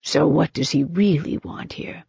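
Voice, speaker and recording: A woman voicing a proud aristocratic young man, a lord, speaking tersely in a slightly lowered voice. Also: unhurried, gravelly, mellow, breathy edge, no room sound, heavily acted. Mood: guarded. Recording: dull, dry audiobook recording.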